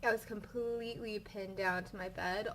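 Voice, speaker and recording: A young woman with a migraine chats casually to her viewers, rambling and full of fillers. She vents her frustration at a mid pitch. A faint noise sits behind her voice. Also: fairly even intonation, normal speed, low-quality recording. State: suffering a migraine. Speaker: vlogger. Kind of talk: casual storytelling vlog.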